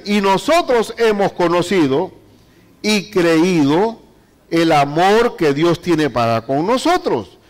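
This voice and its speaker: A man with a high voice preaching to his congregation. He reads scripture slowly and deliberately, then presses his listeners with emphatic rhetorical questions. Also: big-room sound. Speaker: pastor. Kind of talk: sermon.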